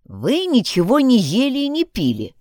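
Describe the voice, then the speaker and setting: A woman's voice: a little high, wildly swooping pitch, moderate pace, a little mellow, dry recording, studio quality, pitched above the performer's own voice. A woman voicing a grieving, angry old village grandmother who pleads shrilly and tearfully. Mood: insistent.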